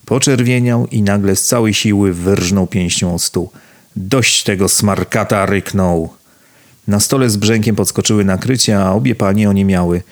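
A man narrating a novel as an audiobook in a measured, even delivery. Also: lowish voice. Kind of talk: scripted narration.

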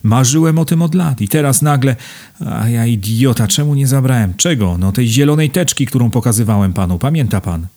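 A man's voice: medium pitch, expressive, a little fast, mellow, pitched above the performer's own voice, lightly acted. A man voicing a fawning, panicky older businessman who lisps and pleads for help in an audiobook. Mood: pleading. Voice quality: lisping. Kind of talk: audiobook character voice.

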